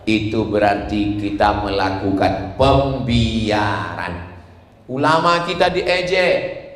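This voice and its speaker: A man preaching a lively sermon to a mosque congregation, asking the crowd questions and moving between loud exclamations and low asides. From Indonesia. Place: mosque hall. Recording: echoey hall, reverberant mosque.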